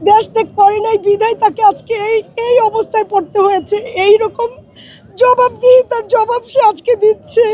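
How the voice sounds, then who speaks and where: A middle-aged woman with a Bangladeshi accent, crying and sobbing as she gives emotional testimony in a halting, pleading way. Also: very high-pitched, level tone, mellow, slight background noise. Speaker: political party activist. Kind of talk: emotional spoken testimony to interviewer.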